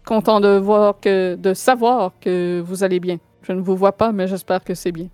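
A woman's voice: mid-range voice, fairly even intonation, moderate pace, darkish tone, clear, resonant tone, dry recording, soft background music, natural voice. A woman voicing a worried, hospitable man in a tabletop game, speaking politely and hesitantly. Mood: concerned. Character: worried, hospitable innkeeper-like man outside a hut.

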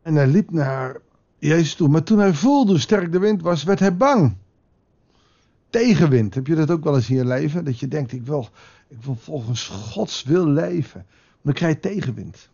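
A man's voice: fairly high pitch, expressive, normal speed, dark tone, muffled recording. A man preaching a devotional sermon in a conversational way, now and then acting out quotes with a raised voice. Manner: conversational, with dramatic acted quotes. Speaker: pastor.

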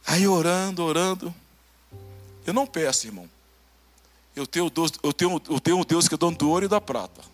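A male pastor with a Brazilian Portuguese accent preaching a testimony sermon, acting out conversations and swinging between loud bursts and hushed lines. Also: on the high side, brisk, pauses often, faint music behind.

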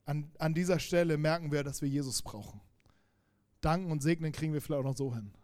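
A man preaching a sermon, emphatic and direct, turning quiet and intense as he goes. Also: fairly high pitch, fast.

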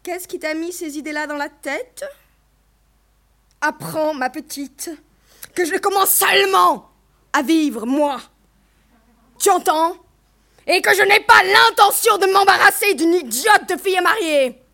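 A woman's voice: steady tone, unhurried, pauses often. A woman voicing a harsh, bad-tempered middle-aged mother who mocks and scolds her daughter in a storybook reading. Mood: furious. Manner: shrill, mocking and scolding.

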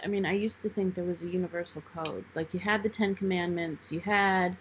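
A woman in casual conversation, asking questions and reflecting in a soft voice. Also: on the low side, steady tone, a little fast, slight background noise.

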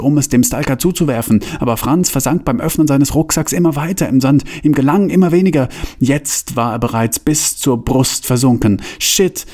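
A man reading his own absurd story aloud in a deadpan manner, with drawn-out pauses. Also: mid-range voice.

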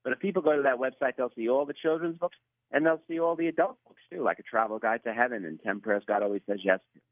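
A man with a Brooklyn accent talks as a guest in a radio interview. He is emphatic, often restating a phrase to drive it home. His pitch is average, and the sound is close and dry but slightly dull. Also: quick pace, no room sound. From Brooklyn, New York, USA.

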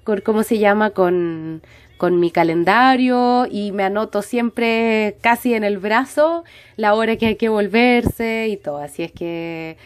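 A woman's voice: medium pitch, a little slow, clean tone, dry recording. A young woman, hosting and telling a personal story in a dramatic, emotive way, with many restarts. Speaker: host.

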